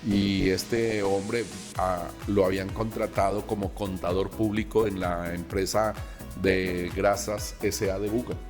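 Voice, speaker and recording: A Colombian pastor shares a personal testimony, animatedly acting out the dialogue. His low voice moves at an unhurried pace, with a long reverb tail and music underneath.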